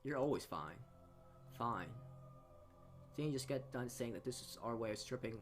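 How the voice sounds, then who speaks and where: A man with a mid-range voice and lively intonation reads a story game aloud at a moderate pace, with faint music in the background. He narrates informally and keeps stumbling and retracing his words.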